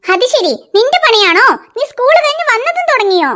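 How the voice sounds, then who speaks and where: Woman playing a cartoon mum, very high voice, rapid talk, scolding, firm. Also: big pitch swings, heavy background noise. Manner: scolding, threatening tone. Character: busy young mother, firm and scolding. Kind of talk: cartoon voice acting.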